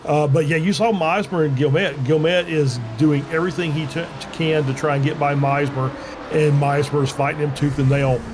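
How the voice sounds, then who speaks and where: Male motorsport commentator for analysis, slightly high voice, explanatory and a little hesitant, faint background noise. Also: fairly even intonation, brisk.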